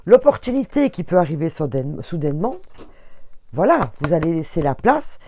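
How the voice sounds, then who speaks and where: A woman's voice: deep voice, very animated, normal speed, dark tone, no echo. A woman with a Belgian French accent giving a casual astrology card reading, speaking straight to her viewers with many fillers and restarts. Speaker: tarot reader.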